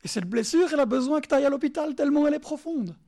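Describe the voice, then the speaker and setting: A man with a Bernese Jura French accent preaching a sermon, emphatic and animated, speaking straight to his listeners and sometimes dropping to soft asides. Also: very high voice, very fast. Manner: talks directly to listeners in second person.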